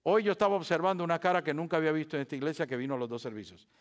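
A man preaching in church with a fairly high voice, swinging between low, quiet asides and loud, ringing emphasis. He hammers points with repetition and direct questions to the congregation. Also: very fast. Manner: preaching with rising, shouted emphasis and rhetorical questions; repeats phrases for emphasis. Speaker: pastor. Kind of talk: sermon.

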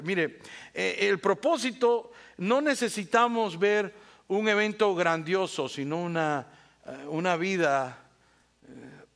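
A man preaching a sermon as pastor, swinging between loud bursts and hushed asides, with playful humor. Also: high-pitched.

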